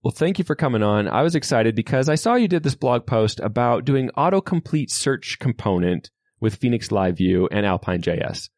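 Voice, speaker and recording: A man's voice: mid-range voice, moderate pace, hardly any pauses, dry recording, studio quality. A man hosting a programming podcast, sharing opinions in a conversational way. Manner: opinionated, conversational, lively emphasis. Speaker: podcast host. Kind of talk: tech podcast talk.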